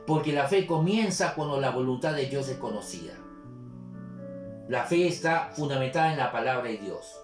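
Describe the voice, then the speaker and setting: A male pastor preaching a sermon, explaining with examples and scripture. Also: fairly high pitch. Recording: echoey room with soft guitar music. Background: soft guitar music.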